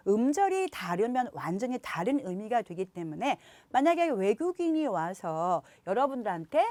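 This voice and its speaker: A woman teaching English pronunciation to parents in a video lesson, stretching out example words slowly between explanations. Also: a little high, a little mellow, dry recording. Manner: slow, drawn-out demonstration words between explanations.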